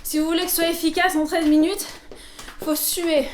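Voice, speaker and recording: A woman's voice: extremely high pitch, flat delivery, normal speed. A woman leads a workout as fitness instructor, calling out exercises and countdowns in a motivating way, with some casual banter. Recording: echoey room, clearly noisy background.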